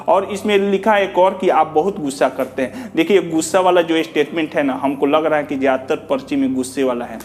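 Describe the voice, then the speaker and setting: Earnest man, fairly high voice. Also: a little fast, hardly any pauses, darkish tone, a little hiss or hum. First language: Bhojpuri. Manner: earnest, repetitive, rhetorical questions, mixes in English. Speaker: teacher. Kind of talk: addressing students, reading out feedback.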